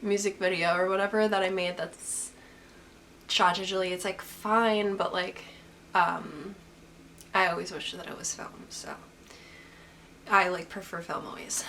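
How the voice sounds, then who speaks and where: A young woman getting over an illness speaks in a stuffy, lowish, steady and slightly bright voice, unhurried and pausing often. In her casual vlog she answers viewer photography questions, rambling with lots of "like" and restarts, and the camera's built-in mic carries a little hiss or hum.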